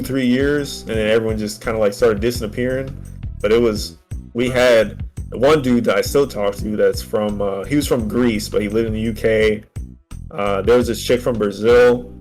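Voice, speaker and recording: A man's voice: on the low side, darkish tone. A young man chatting casually about games in a rambling, slangy way with frequent swearing. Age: young adult. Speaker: podcast co-host. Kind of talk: casual gaming chat. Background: music in the background.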